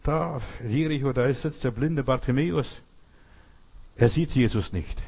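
An older man preaching a sermon, speaking emphatically with dramatic pauses, repeating phrases and addressing the listener directly. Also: medium pitch, gravelly, darkish tone, slightly rough.

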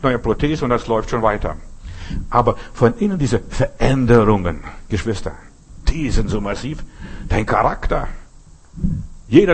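Husky-voiced man preaching conversationally. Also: mid-range voice. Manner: conversational, addresses listener directly with frequent "verstehst?". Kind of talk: informal sermon.

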